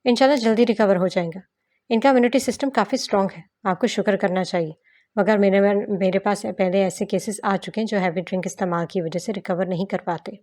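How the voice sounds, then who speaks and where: A woman voicing a calm, formal male doctor giving measured advice in an audiobook reading. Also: mid-range voice, lightly acted. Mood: reassuring.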